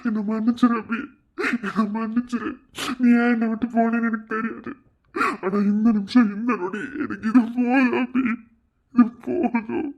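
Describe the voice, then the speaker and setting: A man's voice: high-pitched, unhurried, hardly any pauses, darkish tone, husky, muffled recording. A man voicing a grieving male doctor who pleads tearfully for forgiveness. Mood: pleading.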